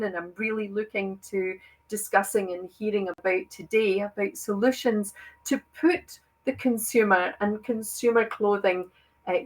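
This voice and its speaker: A woman's voice: mid-range voice, rough recording. A woman researcher presenting at a conference and chairing the session, speaking earnestly with emphatic stresses and frequent fillers. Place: online conference.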